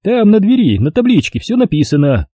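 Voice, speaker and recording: A man reading an audiobook, voicing a fat, greedy, pompous middle-aged notary with a shrill, squealing manner. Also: big pitch swings, a little fast, mellow, slightly rough, no room sound, heavily acted. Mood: condescending, greedy. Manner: condescending and grasping.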